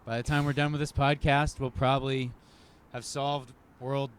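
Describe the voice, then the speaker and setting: A man's voice: mid-range voice, little pitch movement. Young guy cracking jokes n teasing his buddy, podcast outside the mall, a bit of background hum. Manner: jokey, teasing, quick to laugh. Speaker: podcast co-host. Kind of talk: casual chat. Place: outdoors at a mall.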